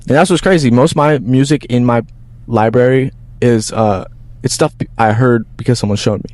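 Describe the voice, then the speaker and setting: A man hosting a casual podcast, talking fast and loosely with plenty of swearing, recorded outdoors in the evening on a shirt lapel mic. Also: mid-range voice, a little mellow. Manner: fast talker, loose and profane. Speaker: podcast host.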